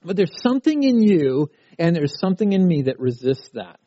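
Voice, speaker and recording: A man's voice: fairly high pitch, sing-song, normal speed, dark tone, no echo, dull audio. A middle-aged man preaching a sermon at a youth conference, talking in a conversational way and acting out a frustrated child's cries. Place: conference hall.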